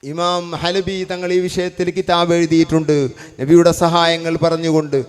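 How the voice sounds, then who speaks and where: A man's voice: fairly high pitch, level tone, moderate pace, smooth. A man preaching a sermon as an Islamic preacher, stressing points by repeating phrases.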